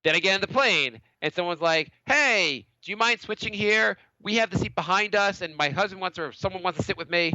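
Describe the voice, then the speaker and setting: The voice is high and brisk, with hardly any pauses, recorded without echo but muffled. It belongs to a podcast co-host, a bit stuffed up from a cold, who narrates a story in relaxed conversation and animatedly performs other people's lines in a raised voice.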